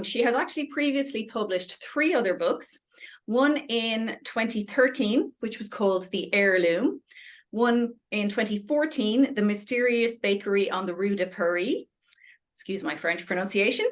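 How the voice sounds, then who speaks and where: A woman's voice: medium pitch, a bit bright. A woman hosting an author interview, giving prepared introductions and questions in a polite, chatty, effusive way. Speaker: interviewer, library event host.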